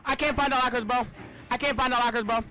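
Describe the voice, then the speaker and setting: This young adult is streaming a horror game live, reacting and addressing chat in slang while repeating exasperated pleas. He speaks at a quick pace in a very high-pitched, steady, bright, forceful voice that sounds strained, as if he's losing it, and he often clears his throat.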